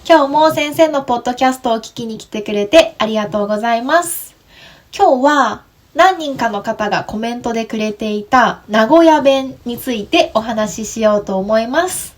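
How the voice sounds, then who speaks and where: A woman's voice: a little high, expressive, normal speed. A woman from Nagoya with a Nagoya dialect accent, teaching Japanese on a podcast in a friendly, step-by-step way and asking her listeners questions. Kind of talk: podcast lesson for learners.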